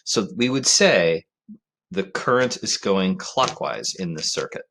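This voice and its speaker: A male physics teacher giving a recorded lecture in a conversational way, often checking in with "right?" and pausing on fillers. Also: low-pitched, very animated, vocal fry, a bit bright, slight background noise.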